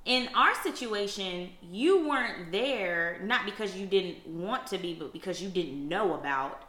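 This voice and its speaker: A woman co-hosting a candid couple chat, an animated storyteller who talks straight to her listeners. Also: mid-range voice, a little slow, echoey room. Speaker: co-host.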